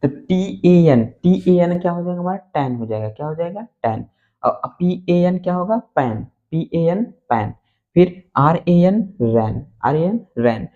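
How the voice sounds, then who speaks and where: A man with a Hindi accent and Hindi as his first language, teaching beginners English phonics, spelling letters out slowly and repeating each answer. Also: on the high side, lively intonation, narrow, tinny audio.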